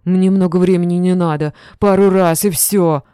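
A woman's voice: fairly low pitch, fairly even intonation, moderate pace, warm tone, smooth, no echo, studio quality, lightly acted. A woman voicing a drunk, brutish man who leers and then stammers and begs in terror in an audiobook. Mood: leering. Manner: stammering, pleading.

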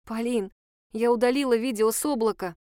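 Woman reading a worried, insistent young woman; slightly raised pitch, storybook read. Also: fairly quick, darkish tone, clear, resonant tone, no echo, clean studio sound, close to an everyday voice. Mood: earnest.

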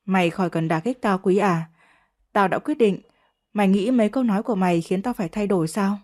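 A woman's voice: medium pitch, fairly quick, darkish tone, close to an everyday voice. A woman voicing a proud young wife who speaks to her rival in a cold, taunting way. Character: proud, sharp-tongued young wife, defiant.

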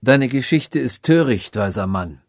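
A man's voice: medium pitch, expressive, measured pace, no room sound, clean studio sound. A man voicing a cruel robot king who mocks his sage and orders executions, in an audiobook reading. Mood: scornful. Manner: mocking, scornful and commanding.

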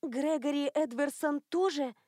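A woman's voice: high-pitched, a little slow, warm tone, dry recording, clean studio sound, pitched above the performer's own voice. A woman voicing a bewildered young woman newly turned werewolf, indignant and questioning.

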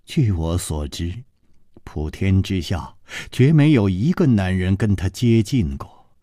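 A man voicing a sorrowful, timid noblewoman who speaks softly with a sigh. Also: low-pitched, animated, moderate pace, husky, no room sound, clean studio sound, full character voice. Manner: soft, sighing.

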